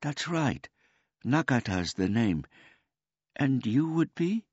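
A man voicing a simple, gentle old man who speaks of himself in the third person in a meek, courteous way. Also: mid-range voice, big pitch swings, takes it slowly, husky, no room sound, highs cut off, pitched above the performer's own voice, exaggerated voice. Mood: earnest.

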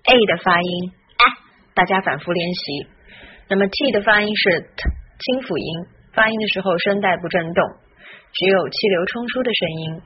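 A woman's voice: mid-range voice, moderate pace, breathy edge, highs cut off. A woman teaching English pronunciation, patiently drilling each sound and repeating words for practice. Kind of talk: pronunciation lesson.

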